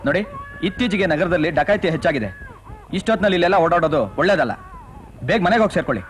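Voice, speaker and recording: An actor playing a stern police inspector who gives brisk warnings, in a film. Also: male voice, high-pitched, lively intonation, poor audio. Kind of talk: film acting. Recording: film soundtrack with faint noise.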